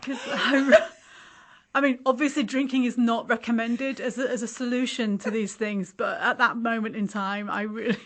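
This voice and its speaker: With slight background noise in the recording, a guest in a relaxed interview speaks at a moderate pace in a steady, slightly high voice. She's in her forties, hails from West Yorkshire, England, has a slight Yorkshire accent, and pokes fun at herself with wry humour.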